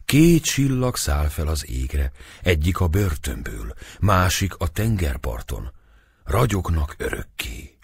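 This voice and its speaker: A man reading an audiobook, voicing an old female fortune-teller who chants dark prophecies. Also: low voice, sing-song, slightly rough, heavily acted. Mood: ominous prophecy.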